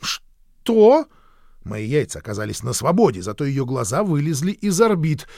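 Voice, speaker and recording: A man reading a first-person literary story aloud in a measured, gruff manner, close to the mic. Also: mid-range voice, expressive, darkish tone, no room sound. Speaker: audiobook narrator.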